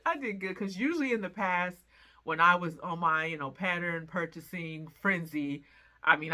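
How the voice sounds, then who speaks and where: A middle-aged woman from the American Midwest, chatting excitedly to camera as a sewing vlogger, gushing and quick with asides. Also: fairly low pitch. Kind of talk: casual chat to camera.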